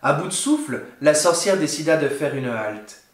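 A man reads a children's picture book aloud in a fairly high voice, giving the story an expressive, dramatic lift. He reads like a storyteller for young children. His voice carries a roomy echo. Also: moderate pace.

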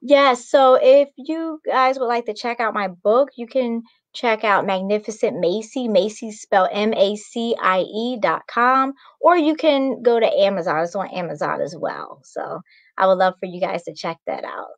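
Over a video call from a small room in her home, a young woman who writes for children reads a story aloud and talks to the kids, urging them on directly. She's animated, with a medium pitch and normal speed, and the recording is dry.

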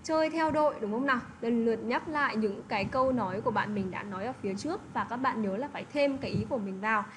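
A woman teacher walks children through an English lesson in a patient, checking manner. Her voice sits slightly high. A steady hiss of noise runs under the recording. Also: fast talker, hardly any pauses. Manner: patient, repeats checks like "được chưa".

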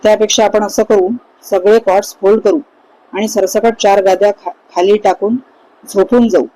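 A woman's voice: mid-range voice, fairly even intonation, normal speed, mellow, dry recording, natural voice, rough recording. A woman reading the part of a practical young man in a spoken story. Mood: plain.

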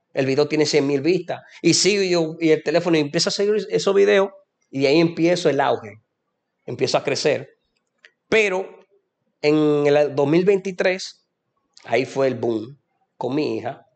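Young man, gravelly voice, fervent, preachy, religious testimony. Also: a little high, moderate pace. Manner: preachy, fervent, addresses listener as "amado". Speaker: guest giving a testimony.

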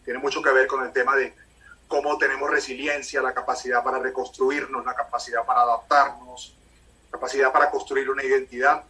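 A man's voice: medium pitch, flat delivery, brisk, pushed and bright, distant mic, rough recording. A middle-aged man with a northern Colombian coastal accent, explaining at length as an interview guest on a video call. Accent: Colombian Caribbean coast, close to Venezuelan. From La Guajira, northern Colombia. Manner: explanatory, fluent with occasional restarts. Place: home room.

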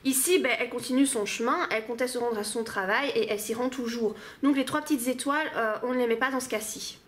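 A woman's voice: a little high, fast talker. A woman reviewing stories aloud in a casual, hesitant way, full of fillers. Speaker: book reviewer. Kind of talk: casual spoken critique.

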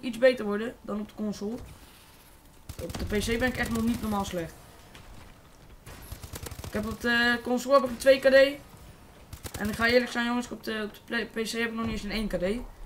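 A Dutch teenage boy giving casual, excitable live commentary on a shooter game and swearing freely. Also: very high-pitched, a little hiss or hum. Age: teens. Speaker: gaming YouTuber.

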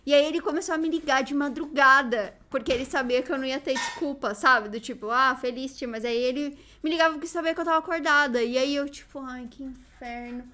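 A woman in her thirties from Brazil, chatting casually as co-host and telling animated stories. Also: high voice, a little hiss or hum. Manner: animated, quick storyteller. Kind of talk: casual chat.

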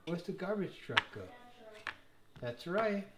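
A woman with a slightly low, very animated voice talks to a toddler in short, simple phrases. She asks questions, repeats words back and encourages, recorded in a roomy living room. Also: slow. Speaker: parent guiding a toddler. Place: living room at home, indoors. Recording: roomy, noisy home recording.

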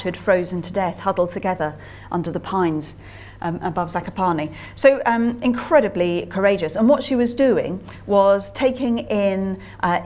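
A woman author giving a public history lecture, telling stories in a chatty way with frequent ums and uhs. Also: mid-range voice. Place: museum lecture talk.

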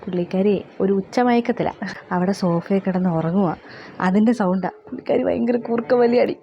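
A woman's voice: medium pitch, brisk, vocal fry, lo-fi sound, slight background noise, pitched below the performer's own voice, natural voice. A woman playing a chatty sister-in-law who gossips on the phone in a comedy sketch. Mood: gossipy.

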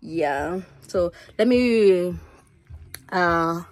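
A Kenyan woman in her twenties chats to a close phone camera in a small bedroom. Her voice sits a little low, and her manner is relaxed and talkative. She drops Swahili words into her English as she goes. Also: drawn-out words, a little hiss or hum. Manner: chatty, mixes in Swahili words. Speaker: vlogger. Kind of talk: casual vlog chat to camera. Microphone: phone camera held close.

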